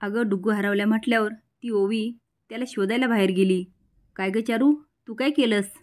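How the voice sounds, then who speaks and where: A woman's voice: mid-range voice, fairly even intonation, a little fast, darkish tone, natural voice. A woman reading as a stern middle-aged aunt. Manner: read out within a plain recap.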